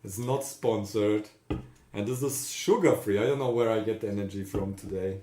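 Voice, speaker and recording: A man with a Central European accent hosting a casual live stream, greeting chat viewers by name and talking haltingly with fillers. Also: fairly low pitch, mellow, roomy sound, slight background noise. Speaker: livestream host.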